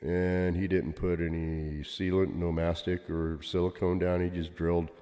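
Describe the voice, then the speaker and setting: A man's voice: low voice, little pitch movement, unhurried, mellow. An older man co-hosting a podcast, telling stories in casual chat, with cave-like reverb on his voice. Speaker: podcast co-host.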